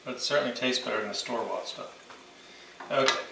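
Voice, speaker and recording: A man's voice: mid-range voice, fast, creaky, sharp tone. A man in his sixties casually hosting a home cooking demonstration, talking informally as he works in his kitchen. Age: 60s. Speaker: home cooking channel host. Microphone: camera a few meters away. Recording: roomy echo, distant mic, faint kitchen noise.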